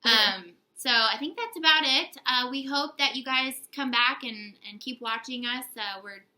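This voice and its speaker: A woman's voice: high voice, moderate pace, bright, forceful tone, low-quality recording. A young woman co-hosting a casual book haul video, chatty and giggly, teasing herself as she talks. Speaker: book channel co-host.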